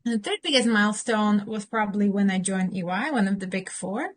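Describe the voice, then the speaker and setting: A woman's voice: medium pitch, a little fast. Slovak-born woman answering interview questions. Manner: thoughtful, many fillers and restarts. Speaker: interview guest, consultant.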